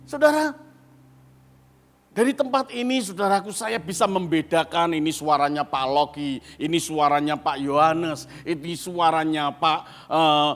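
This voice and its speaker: High-voiced pastor preaching. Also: male voice. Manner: storytelling, shifting between loud exclamations and quiet asides. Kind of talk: sermon. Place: church hall. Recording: long reverb of a church hall.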